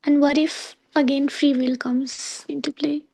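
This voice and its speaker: A woman student asks her question hesitantly, with apologetic fillers. Her voice is high and mellow, with a flat contour, heard from a distance. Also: a little slow, vocal fry, no echo.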